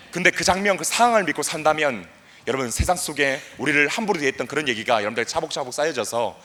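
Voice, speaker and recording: Bright, lively young man speaking to youth. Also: mid-range voice. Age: young adult. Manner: playful, acts out quoted voices, leads the crowd in chants. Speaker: guest speaker at a youth camp. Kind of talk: animated talk to a youth audience.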